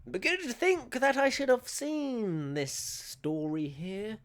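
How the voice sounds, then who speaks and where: Reacting in an animated, playful way with a bit of crude humour, this man comments casually as a gaming YouTuber. His voice sits high and he keeps a measured pace.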